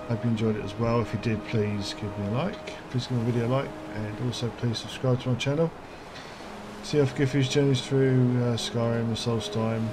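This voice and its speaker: Man, gaming channel host, casual play-along commentary, thinks aloud, reads out item stats, medium pitch, game music clearly behind.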